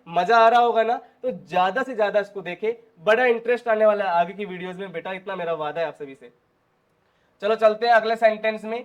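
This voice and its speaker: A man teaching spoken English in a classroom-style lesson who addresses his students as "beta" and says each phrase slowly, twice. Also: high-pitched.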